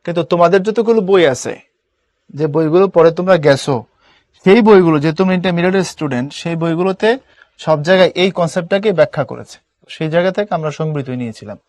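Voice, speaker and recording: A man's voice: fairly high pitch, fast talker, darkish tone, no room sound. A young man teaching an online class, explaining step by step and repeating key words as drills.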